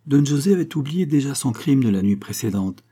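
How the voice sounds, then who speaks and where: A man narrating an audiobook novel in a measured, dramatic storytelling manner. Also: mid-range voice, lively intonation, warm tone, breathy edge. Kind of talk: scripted narration.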